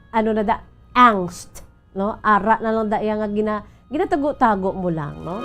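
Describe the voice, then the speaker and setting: Slow, gentle woman radio host. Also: medium pitch. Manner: slow, gentle, mixing Hiligaynon and English, asks listeners "no?". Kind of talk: reflective radio talk with sung snippets. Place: radio studio.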